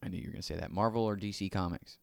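A man's voice: low voice, rapid-fire, vocal fry, clear, resonant tone, no echo. A man hosting a podcast with casual, jokey frat-bro banter and loose swearing. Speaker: podcast host.

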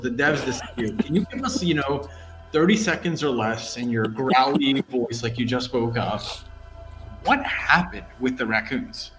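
A man's voice: medium pitch, fairly bright tone. A man co-hosting a casual podcast, asking rambling, teasing questions. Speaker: podcast co-host. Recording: roomy sound with faint music.

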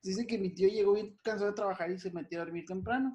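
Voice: medium pitch, quick pace, darkish tone. A speaker with a Mexican Spanish accent who laughs often, telling a story in slangy, casual chat. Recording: clearly noisy with clicks.

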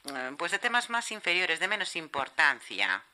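Halting woman with a very bright, tense voice. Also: on the low side, very animated. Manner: halting, with frequent restarts and self-corrections. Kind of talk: interpreted lecture on language and literature. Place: lecture hall.

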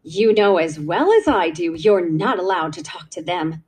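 A woman's voice: on the low side, lively intonation, normal speed, darkish tone, husky, pitched below the performer's own voice. A woman playing a cold, furious aunt. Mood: cold fury. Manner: icy, scolding.

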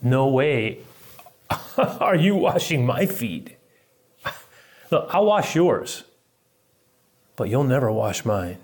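A husky-voiced man voicing an impulsive, devoted male disciple who protests emphatically in a sermon retelling. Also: mid-range voice, very slow, pauses often, a little mellow. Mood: indignant.

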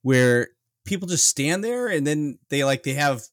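A man's voice: on the high side, animated, unhurried, dry recording, clean studio sound. A man co-hosting a casual podcast chat who hesitates and searches for his words while describing things. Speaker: podcast co-host.

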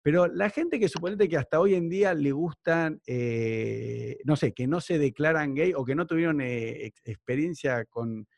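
An Argentine man hosts a casual interview, spinning anecdotes and checking in with constant tag questions. His voice has a gravelly fry, and the sound is dry and close with no room around it. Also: on the high side, moderate pace, hardly any pauses, no echo. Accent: Argentine Spanish. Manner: animated anecdote-telling with frequent tag questions. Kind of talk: casual conversation.

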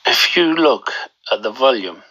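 A man hosting a money show, giving informal stock market commentary in halting pieces, his voice thick with a cold and sore, swollen throat. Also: medium pitch, animated, pushed and bright, lo-fi sound.

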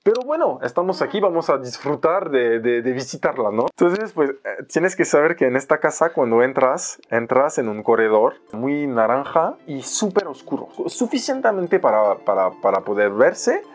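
A young man from France with a French accent, a photographer telling an animated story in a podcast conversation and mixing in Mexican slang. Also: medium pitch, normal speed, few pauses, faint music behind. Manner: animated, playfully acts out other people's lines in raised voices, uses Mexican slang. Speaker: photographer guest.

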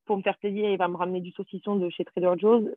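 A woman's voice: medium pitch, flat delivery, fast talker, no room sound. A French-speaking woman in casual conversation, chatty and full of fillers, telling stories from her own life. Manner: chatty, storytelling, many fillers. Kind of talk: casual chat. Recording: tinny phone-like line.

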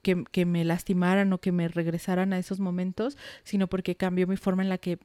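A woman's voice: on the low side, little pitch movement, fairly quick, mellow, clear, resonant tone, dry recording. A woman, a podcast guest candidly telling a personal story with frank, mildly salty words. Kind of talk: casual podcast conversation.

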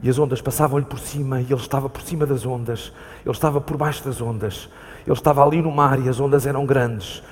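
During a live staged reading in an echoing theatre hall, a male actor speaks with a European Portuguese accent, playing a terrified sailor searching for a missing companion. His mid-range voice stays steady and quick, close to everyday speech, while the haunted account comes out urgent, pleading and repetitive.

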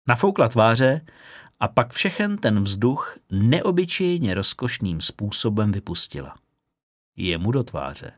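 Brief: man narrating a novel, expressive storytelling, middle pitch, dry studio sound. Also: no echo. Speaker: audiobook narrator. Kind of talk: scripted narration.

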